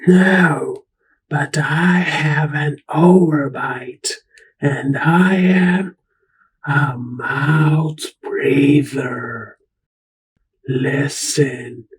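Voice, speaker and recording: A shy, bookish monster from a children's storybook speaks in a low, breathy, panting voice, as a woman puts him on. He talks slowly and formally, with a very husky, airy tone and deep pitch. He is mild and courteous, not frightening. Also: exaggerated voice, rough recording. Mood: polite, gentle. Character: timid male substitute monster, polite and bookish. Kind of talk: storybook read-aloud.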